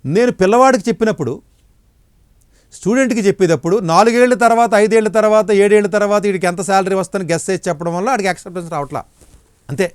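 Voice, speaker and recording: A middle-aged man, an education counselor, giving blunt, forceful answers in an interview. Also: sits high, rapid-fire, clear, resonant tone, dry recording, clean studio sound.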